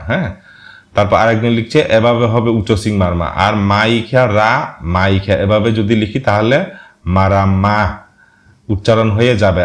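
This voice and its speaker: A man reading viewer comments aloud in casual commentary, pausing often and spelling words out syllable by syllable. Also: lowish voice. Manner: reads slowly, spells out words syllable by syllable, frequent hesitations.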